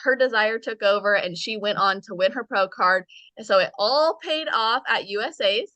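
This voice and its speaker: A woman's voice: mid-range voice, normal speed, pushed and bright, dry recording. A woman hosting a podcast, reading an upbeat intro and then chatting with her guest. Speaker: podcast host. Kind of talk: podcast interview.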